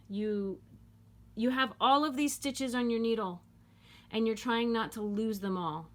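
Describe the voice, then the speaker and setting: A woman teaching a knitting technique at home in a casual, chatty and playful way, joking and repeating herself as she goes. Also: fairly high pitch.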